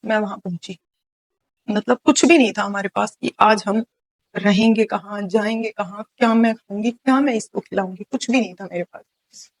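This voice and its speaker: A woman's voice: mid-range voice, moderate pace, low-quality recording. Brief: young woman from Haryana, interview guest, earnest personal storytelling with restarts. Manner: earnest, recounting events with many restarts and quoted dialogue. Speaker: guest telling her life story.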